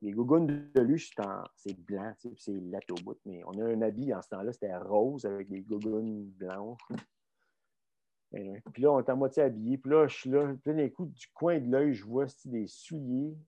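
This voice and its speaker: A man with a Québécois French accent telling a story casually as a guest, animated and full of filler words. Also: medium pitch, moderate pace. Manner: animated, fills talk with "là" and mild swearing.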